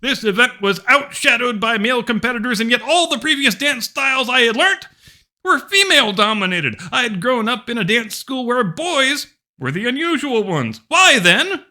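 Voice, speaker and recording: A woman giving a dramatic reading of an academic text like a hammy stage actor, with theatrical, drawn-out emphasis. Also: a little high, big pitch swings, pushed and bright. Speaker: host of a mocking dramatic reading.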